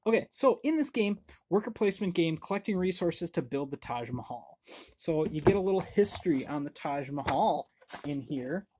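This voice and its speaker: In a home room full of game shelves, a man in his thirties who runs a board game channel unboxes a game on his webcam, talking in a rambling, self-deprecating way full of fillers and restarts. He speaks animatedly at a moderate pace in a fairly high voice, and background noise is audible.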